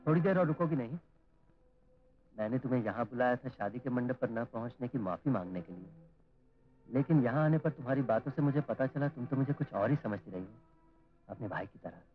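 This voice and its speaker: An actor playing a gentle, guilt-ridden young man who speaks in an earnest, apologetic way, on a tinny old film soundtrack. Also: medium pitch, animated, brisk, natural voice. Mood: remorseful.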